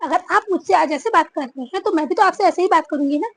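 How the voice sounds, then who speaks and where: A woman's voice: very high-pitched, quick pace, no echo. A woman acting a bold newly married daughter-in-law who firmly talks back in a family drama. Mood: defiant. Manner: defiant, firm.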